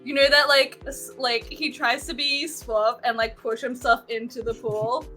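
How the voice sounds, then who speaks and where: A woman's voice: a little high, little pitch movement, unhurried, bright, forceful tone, soft background music. A woman playing a tabletop role-playing game, apologetic and giggly as she describes her character. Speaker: player. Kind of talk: casual tabletop play.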